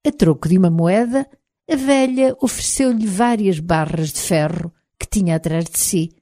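A woman with a European Portuguese accent narrating an audiobook in the first person, in a measured, expressive reading. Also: lowish voice, no echo, clean studio sound.

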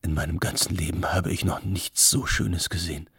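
Awestruck man in an audiobook, read by a male narrator: hushed half-whisper, husky and very gravelly. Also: low voice, steady tone, moderate pace, no echo, clean studio sound, exaggerated voice. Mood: awed. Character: astonished, delighted grown man. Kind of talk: audiobook character reading.

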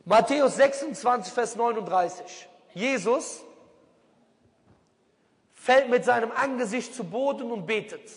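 A man preaching on stage in a lively, argumentative sermon style, full of rhetorical questions. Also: very high voice, a little slow, pauses often. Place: stage in a large venue. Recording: long hall reverb.

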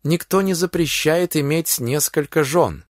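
A man voicing a fierce young werewolf woman warrior, speaking calmly and bluntly with a menacing edge. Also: fairly high pitch, measured pace, no room sound, studio quality, natural voice. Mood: cool, blunt. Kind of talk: audiobook character reading.

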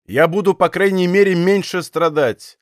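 A man's voice: sits high, normal speed, no echo, studio quality, natural voice. A man doing a defiant fleeing nobleman. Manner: proud, reckless retorts. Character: defiant male nobleman refusing to surrender. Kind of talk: audiobook character acting.

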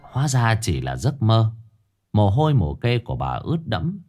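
A man's voice: lowish voice, wildly swooping pitch, moderate pace, a little mellow, faint music behind. A man narrating a horror story in a vivid, dramatic way.

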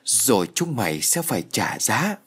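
A man's voice: lowish voice, sing-song, moderate pace, slightly rough, full character voice. A man voicing a deranged, vengeful woman who threatens revenge in a horror audiobook. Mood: menacing. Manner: menacing, threatening.

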